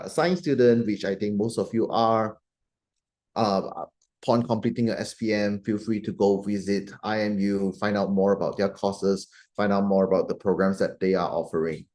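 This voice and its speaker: A man with a Malaysian accent hosting, giving an informal event introduction in halting, hesitant phrases. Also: lowish voice, steady tone, darkish tone. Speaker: host.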